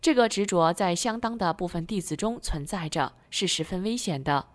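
A woman reading a prepared text aloud at a steady, even pace. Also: fairly low pitch, normal speed.

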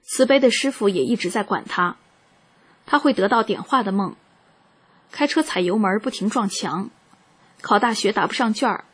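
Woman, very breathy husky voice, calm measured reading, scripted first-person narration. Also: mid-range voice.

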